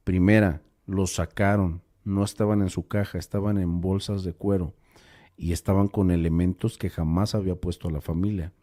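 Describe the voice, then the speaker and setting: Low, dark-voiced man telling a tale. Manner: unhurried, hesitant with fillers and restarts. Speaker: storyteller. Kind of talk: casual spoken storytelling.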